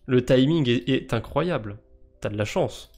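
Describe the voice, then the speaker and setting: A man's voice: mid-range voice, expressive, unhurried, a little mellow. A man with a French accent streaming live, casually commenting on crypto quests, joking and mocking himself as he thinks aloud.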